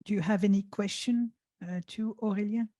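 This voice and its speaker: A woman moderating a talk and answering an audience question, measured and hesitant. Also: mid-range voice, steady tone, mellow, no room sound, studio quality.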